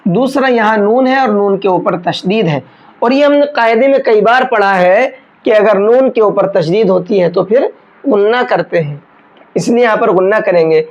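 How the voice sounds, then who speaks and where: A woman teaching Quran tajweed step by step, patiently explaining letters and chanting verses slowly. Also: medium pitch, darkish tone, highs cut off. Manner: slow, patient explanations with drawn-out chanted recitation. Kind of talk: step-by-step recitation lesson.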